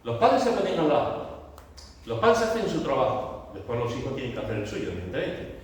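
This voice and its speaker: A man's voice: medium pitch, very animated, brisk. A man preaching a sermon as pastor, talking emphatically and repeating his key phrases as he builds toward exhortation. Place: church hall. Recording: echoey church hall, voice far off.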